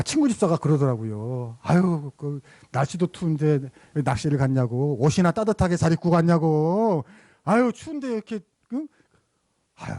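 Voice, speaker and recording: A man telling a story voices a humble male church deacon who speaks softly and apologetically. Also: a little high, dry recording, studio quality.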